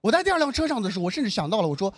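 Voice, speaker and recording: High-voiced, lively young comedian. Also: male voice, very fast. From northern China. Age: young adult. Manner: animated, self-mocking storytelling. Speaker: stand-up comedian. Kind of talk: stand-up comedy performance. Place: live comedy stage.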